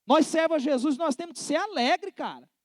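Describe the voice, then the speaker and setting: A man's voice: very high voice, expressive, moderate pace, no echo, clean studio sound. A man preaching a sermon as a pastor, talking in a colloquial, emphatic way and putting direct questions to the congregation.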